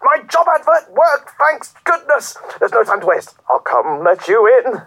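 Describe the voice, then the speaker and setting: A man's voice: very high-pitched, sing-song, normal speed, a bit bright, exaggerated voice. A man voicing a frantic male professor who calls and stammers over the intercom in a comic improvised audio drama. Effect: heard over the intercom, distant.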